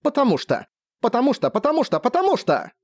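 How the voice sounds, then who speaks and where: A man voicing a furious, tearful young woman mage who shouts in anguished outbursts while crying. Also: extremely high pitch, huge pitch swings, brisk, pitched above the performer's own voice, full character voice. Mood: tearful fury.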